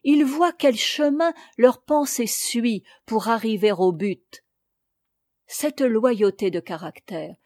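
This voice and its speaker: Woman audiobook reader, fairly high, mellow voice, unhurried essay reading, dry close sound. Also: no echo. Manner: measured, deliberate reading. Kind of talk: reading a classic essay aloud.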